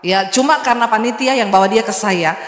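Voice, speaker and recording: A middle-aged woman pastor from Indonesia preaching a sermon, lively storytelling with humor and acted dialogue. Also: on the high side, a little fast. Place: large church hall. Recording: echoey hall reverb.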